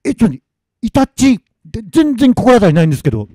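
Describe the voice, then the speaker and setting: A flustered young man , as a male storyteller voices him, stammers through his lines, pushed high and loud. The pitch leaps widely, the tone is mellow, and the sound is dry and close. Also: very animated, quick pace, no echo, heavily acted.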